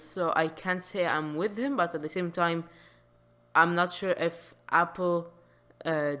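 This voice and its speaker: A woman's voice: fairly low pitch, a bit bright. A woman hosting a casual tech news podcast, chatty and informal, often stumbling and restarting her sentences. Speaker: podcast host.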